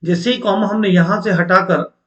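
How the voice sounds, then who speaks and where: A man's voice: sits high, steady tone, moderate pace, a bit bright, muffled recording. A man teaching an online exam-preparation lecture, explaining step by step and putting rhetorical questions to his students.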